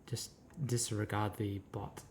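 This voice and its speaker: Painting miniatures on stream, a scratchy-voiced man rambles and answers viewer messages in a casual chat. He speaks slowly in a lowish voice with a flat delivery.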